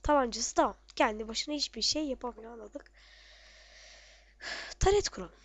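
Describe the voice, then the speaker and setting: A woman giving casual, excitable commentary on her own gameplay, muttering to herself and shouting at enemies. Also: on the high side, moderate pace, dry recording.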